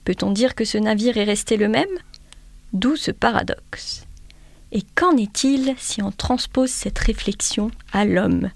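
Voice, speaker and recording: A woman's voice: mid-range voice, unhurried, creaky, no echo. A woman presenting a manga in a chatty scripted review with self-mocking asides. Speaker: book presenter. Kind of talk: scripted radio book review.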